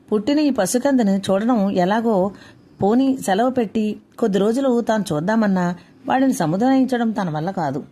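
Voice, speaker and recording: A woman author narrating her own short story, reading in a plain, steady way. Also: mid-range voice.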